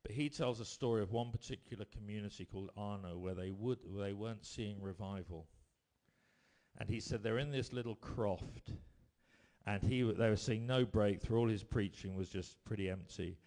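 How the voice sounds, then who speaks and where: Male preacher, lowish voice, storytelling sermon, swings from bold to hushed. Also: moderate pace. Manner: storytelling, rising to emphatic bursts then dropping quiet.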